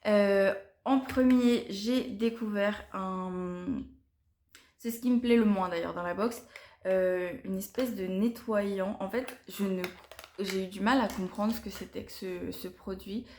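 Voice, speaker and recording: A young woman reviewing beauty products to camera in a casual, chatty way, often pausing and restarting her sentences. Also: medium pitch, darkish tone. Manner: chatty and hesitant, frequent pauses and restarts. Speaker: beauty vlogger.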